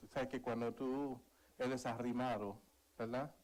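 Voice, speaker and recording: A man's voice: medium pitch, flat delivery, takes it slowly, a little mellow, rough recording. Male preacher, earnest, sermon with a personal story. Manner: earnest, calls for amens, tells a story.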